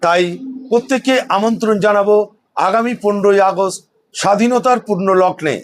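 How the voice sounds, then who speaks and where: A man with a high-pitched voice and a West Bengal accent works as an event announcer. He delivers a football tournament promotion emphatically, repeating key names and invitations for the listeners. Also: fairly quick.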